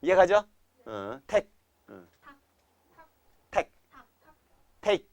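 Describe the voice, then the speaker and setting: A young man is lecturing a classroom, firing quick check questions at students and chanting silly mnemonics. His voice sits a little high. The sound is dry and close, with almost no room echo. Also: very animated, a little mellow. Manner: keeps quizzing students with repeated questions; playful chanting of memory tricks. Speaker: science teacher.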